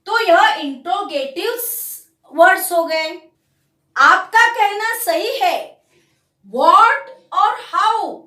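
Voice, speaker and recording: A woman teaching a grammar lesson to children, speaking slowly and deliberately as she reads example sentences aloud. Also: very high voice, pushed and bright, far from the mic. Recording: roomy echo, away from the mic.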